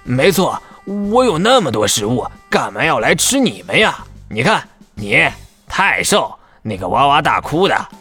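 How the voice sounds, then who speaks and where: A man's voice: medium pitch, big pitch swings, measured pace, bright, forceful tone, slightly rough, faint music behind, full character voice. A man voicing a big, blunt, grumbling but good-hearted shark in a children's audio story. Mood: gruff annoyance.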